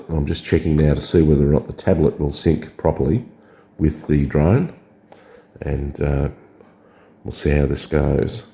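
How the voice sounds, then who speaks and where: Scratchy sick-sounding guy, really low gravelly voice, dark tone, slow halting tutorial talk. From Australia. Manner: hesitant, step-by-step explaining. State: hoarse from a cold. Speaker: drone hobbyist. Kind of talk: casual tutorial narration.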